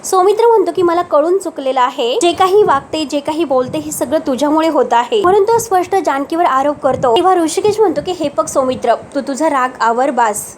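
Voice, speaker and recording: A woman giving a voice-over recap of a TV serial episode, retelling each line of dialogue in steady reported speech. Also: high-pitched, fairly quick, hardly any pauses, slight background noise. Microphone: voice-over recorded separately from the pictures.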